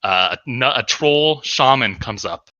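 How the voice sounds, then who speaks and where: Man, podcast co-host: very bright, cutting voice, sarcastic and profane, walks through lore; dry, slightly dull recording. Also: mid-range voice, expressive, unhurried, dry recording. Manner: sarcastic, profane, explains game lore in detail. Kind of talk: casual drunk podcast banter.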